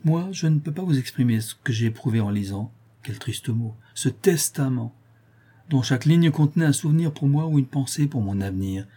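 A man reading an audiobook, voicing a frank, cheerful young woman who pleads lovingly, pitching his voice higher. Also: expressive, moderate pace, dark tone, breathy edge.

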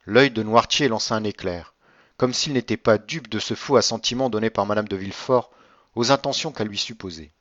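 A man reads a classic novel aloud in a steady, measured voice at a middle pitch. The sound is close and dry, with a slightly dull, muffled top end. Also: dry recording. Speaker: audiobook reader. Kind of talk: scripted narration.

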